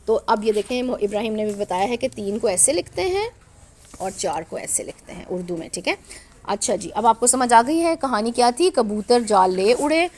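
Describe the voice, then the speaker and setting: A woman's voice: fairly high pitch, lively intonation, normal speed, a little mellow, slight background noise. A woman teacher reading a storybook aloud to young children, patiently spelling out the letters and asking questions as she goes.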